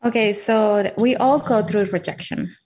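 This woman has a mid-range, darkish voice with a breathy edge, talking a little slowly. Being interviewed, she earnestly recounts her life in English as a second language, with a Colombian Spanish accent from her home country of Colombia, emphatic and repeating words as she thinks it through.

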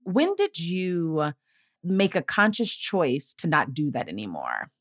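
Lively woman in her thirties hosting. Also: low-pitched, takes it slowly. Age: 30s. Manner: warm affirming listener, lively when telling her own story. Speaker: interview host. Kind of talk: conversational interview.

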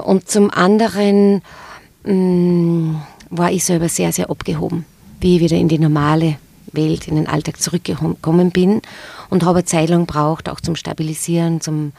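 A yoga and meditation teacher with an Austrian accent, answering interview questions calmly and thoughtfully, pausing often with hesitations. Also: female voice, fairly low pitch, gravelly, no room sound. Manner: calm, thoughtful, with frequent hesitations. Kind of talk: podcast interview.

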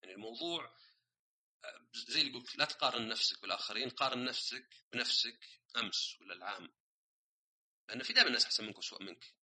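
A man's voice: medium pitch, lively intonation, rapid-fire, pauses often, pushed and bright, rough recording. A man hosting a casual solo podcast, explaining ideas through everyday examples and dropping English words into his speech. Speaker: podcast host.

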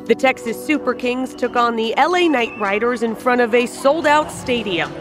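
A woman reporter delivering a broadcast news report in a bright, upbeat way. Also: fairly high pitch, moderate pace, over music.

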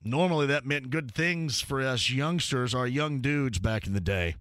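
Bright-voiced chatty radio host man. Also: medium pitch, normal speed, no room sound, studio quality. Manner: joking, chatty, laughs often. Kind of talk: call-in radio show.

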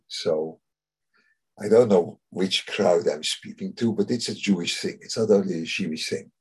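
Guy teaching torah casually, very husky voice, stops and restarts a lot. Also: low-pitched. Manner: halting, searches for words, many restarts. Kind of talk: informal Torah talk.

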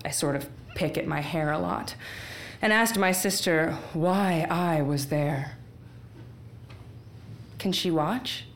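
A woman telling a personal story aloud, with wry, unhurried delivery and deadpan asides. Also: deep voice. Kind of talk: live storytelling performance.

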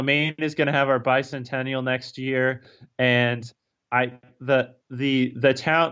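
A man who is a guest on a podcast, speaking hesitantly, with many pauses and restarts. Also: mid-range voice, fairly bright tone. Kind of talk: casual interview chat. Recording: dull lo-fi sound.

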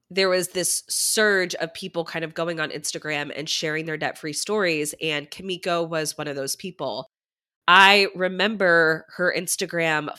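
A woman with a lowish voice and a sharp tone hosts a podcast as a money coach. Stuffy from a head cold, she still opens with an upbeat intro monologue, chatting enthusiastically to her listeners.

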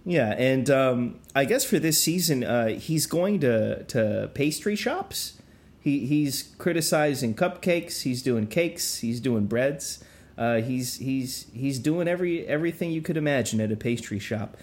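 A man hosting a podcast with casual talk-show patter and a halting delivery. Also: mid-range voice, animated, a little mellow. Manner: halting, addresses listeners as folks. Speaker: podcast host.

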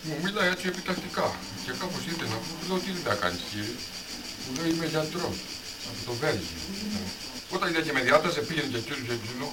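A man telling a casual anecdote, animated and acting out the dialogue. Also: a little high, recorded from a distance, heavy background noise. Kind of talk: casual storytelling.

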